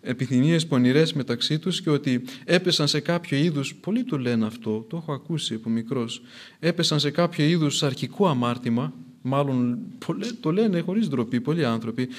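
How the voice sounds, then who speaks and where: A man preaching a sermon in an earnest way, repeating phrases for emphasis as his intensity rises and falls. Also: fairly high pitch.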